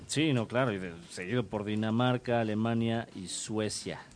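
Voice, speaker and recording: Low-voiced man hosting radio. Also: normal speed, a little hiss or hum. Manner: relaxed, filler-heavy, trailing speech. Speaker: radio show host. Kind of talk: casual radio interview.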